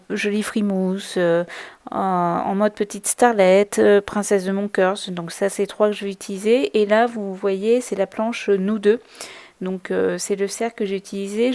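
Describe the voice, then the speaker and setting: A woman casually explaining her crafting as she works, with many pauses, fillers and restarts. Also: medium pitch, a little mellow, no echo. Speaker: crafting vlogger. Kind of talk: casual tutorial narration while crafting. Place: at a craft table indoors.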